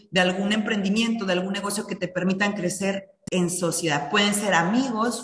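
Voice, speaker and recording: A woman's voice: mid-range voice, a bit bright. Middle-aged woman, earnest motivational speaker, recorded in a reverberant room. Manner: earnest, addresses listeners directly. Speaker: speaker on personal finance and habits. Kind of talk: motivational talk. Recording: echoey room with long reverb.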